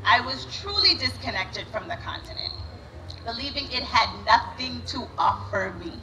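A woman's voice: a little high, expressive, sharp tone, slight background noise, rough recording. A woman, giving an earnest prepared speech at a podium during an outdoor ceremony. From Sudan. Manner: earnest, measured public address. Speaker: organization CEO giving a speech. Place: outdoor event stage. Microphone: podium microphones.

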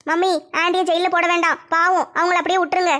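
A woman plays a crying young bride-to-be who pleads and whines. Her voice is very high and quick, with a flat tune. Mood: tearful. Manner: whiny, pleading. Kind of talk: comedy skit.

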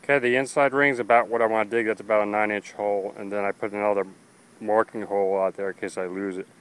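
Low-voiced man explaining backyard DIY. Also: fairly even intonation, quick pace, fairly bright tone, smooth, rough recording. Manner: plain, practical, talks through each step with fillers. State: tired, catching his breath. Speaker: amateur radio hobbyist, DIY video maker. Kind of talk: casual how-to narration while working outdoors. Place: backyard outdoors.

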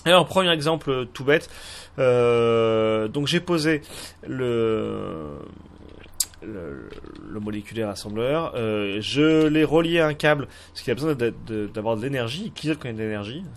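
A man's voice: medium pitch, lively intonation, normal speed. A man with a French accent hosting a casual game tutorial, talking hesitantly with many fillers and restarts. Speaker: Minecraft mod tutorial host. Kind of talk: casual screen-recorded tutorial.

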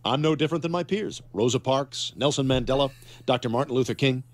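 A man voicing an awkward, self-important talking dog in an animated comedy. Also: mid-range voice, fast talker, lightly acted.

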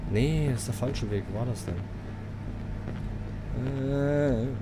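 A man giving live commentary on a horror game, swearing, ranting and yelling at the game. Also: mid-range voice, slow, heavy background noise. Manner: swears, rants and yells at the game. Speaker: streamer.

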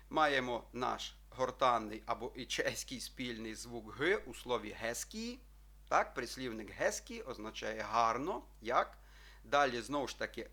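Bright-voiced male language teacher. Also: medium pitch. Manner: addresses listeners as friends, checks with frequent "так?"; slow, drawn-out model pronunciations. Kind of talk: explanatory video lesson.

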